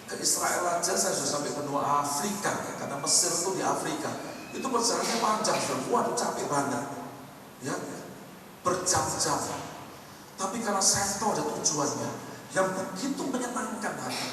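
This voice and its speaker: A middle-aged man, a pastor preaching a sermon and swinging between soft, low asides and loud, high exhortation. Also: expressive, normal speed. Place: church hall. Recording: very echoey hall, distant mic, faint noise.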